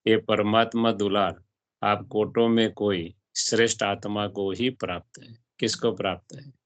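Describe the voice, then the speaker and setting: A man's voice: lowish voice, little pitch movement, measured pace, no room sound. A man explaining a religious text to a small class, often asking his listeners questions and mixing in English words. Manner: asks the audience questions and mixes in English words. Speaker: spiritual teacher.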